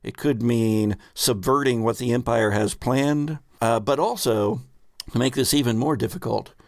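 A podcast host acts as game master, narrating a tabletop roleplaying game with casual improvised phrasing and dramatic storytelling emphasis. His voice is medium-pitched and studio quality, with no room sound.

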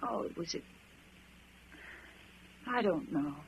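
A woman's voice: lowish voice, animated, takes it slowly, creaky, slight background noise, full character voice. A woman playing a vague, indifferent, forgetful wife in a radio drama, speaking in an offhand way. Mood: drowsy, vague. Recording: slightly dull radio drama recording.

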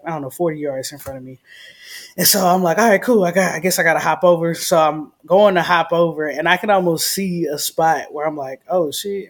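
Woman, travel vlog co-host, casual blunt storyteller, swears, acts out quotes. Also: on the low side.

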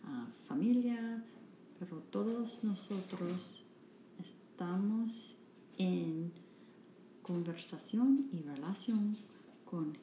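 A woman who hosts a podcast and works as an interpreter reads a Spanish interpretation of a church talk, very slowly and haltingly, with hesitations and restarts. Her voice is lowish and mellow, in an echoey room with faint background noise.

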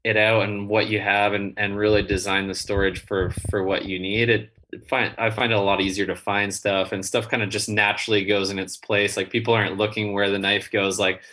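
A male guest with a deep, bright-toned voice in a casual interview. He speaks in stop-start phrases, restarting and trailing off as he thinks aloud. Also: flat delivery, normal speed. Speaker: guest, builder and rental owner.

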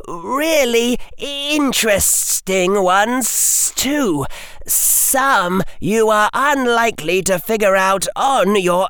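Hero read: a reader doing a desperate young wizard, pitched higher, slow and pressing. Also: a bit bright, clear, resonant tone, no room sound, studio quality, full character voice.

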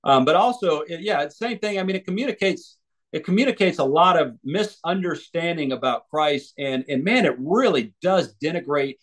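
A man's voice: on the high side, animated, normal speed, fairly bright tone. American man, earnest interview answers. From United States. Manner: thoughtful, with many restarts and fillers. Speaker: evangelist and author.

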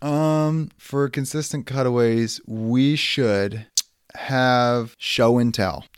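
A man's voice: mid-range voice, slow, clear, resonant tone, dry recording, studio quality. A man chatting casually while trading improvised comedy ideas.

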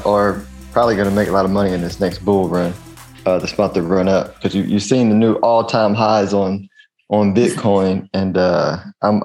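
A man's voice: fairly low pitch, darkish tone. A man hosting a podcast interview in a casual, informal, conversational way. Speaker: podcast host.

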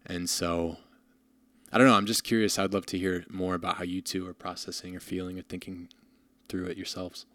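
A man's voice: deep voice, flat delivery, a little fast, a bit bright, no echo. A man speaking as a pastor in a podcast conversation, earnest, often restarting his sentences.

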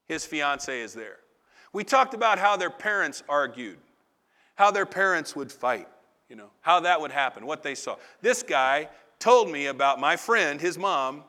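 Male pastor, higher-pitched, unhurried sermon delivery, informal and personal. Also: expressive, pushed and bright. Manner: conversational, confessional preaching with asides and laughs.

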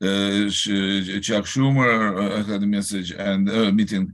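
An older man with a Russian accent, a rabbi answering interview questions haltingly in a non-native language, searching for words and restarting often. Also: fairly low pitch, fairly even intonation, a bit bright.

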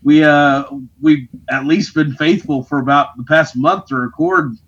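A man's voice: a little high, unhurried, fairly bright tone. A male podcast co-host chatting casually and laughing often, his voice muffled as if he were talking into a trash can. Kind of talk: casual chat. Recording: dull, muffled lo-fi remote recording.

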